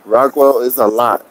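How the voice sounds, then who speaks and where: A man with a medium-pitched voice chats casually to his livestream viewers, greeting them and begging for shares, while walking a busy street, sweaty and out of breath. He films on a phone camera, worn or held, and the low-quality audio catches traffic and the bustle of the city.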